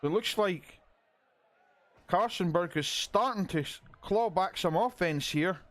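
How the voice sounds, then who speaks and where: A man giving excitable play-by-play commentary on a wrestling video game, often restarting his sentences. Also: high voice, a little slow.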